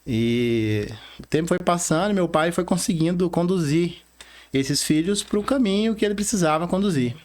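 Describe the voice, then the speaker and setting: A man in his thirties with a Rondônia Brazilian accent, a bank manager chatting as a podcast guest, earnest and halting, tagging lines with "né?". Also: high voice, animated, darkish tone. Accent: Rondônia Brazilian Portuguese. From Bahia, Brazil, raised in Rondônia. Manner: earnest, frequent "né?" tags, halting restarts. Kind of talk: casual interview talk.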